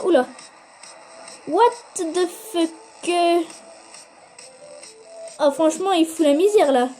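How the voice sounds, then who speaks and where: A female gaming video creator gives excitable live gameplay commentary, swearing and urging the game on. She talks straight to her viewers in a very high-pitched voice.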